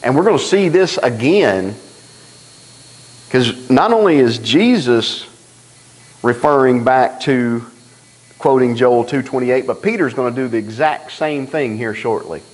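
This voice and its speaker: A man preaching a sermon in a church, telling stories in a folksy, animated way and acting out the dialogue. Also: medium pitch, measured pace, poor audio. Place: church sanctuary.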